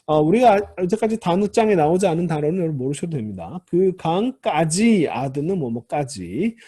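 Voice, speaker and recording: A male lecturer with a lively, rising-and-falling delivery, taking students through a grammar lesson one term at a time. His voice sits a bit high yet sounds mellow and slightly husky. He repeats key words and opens each new point with a brief cue. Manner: patient, repeats key terms, starts points with "자". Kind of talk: recorded classroom lecture.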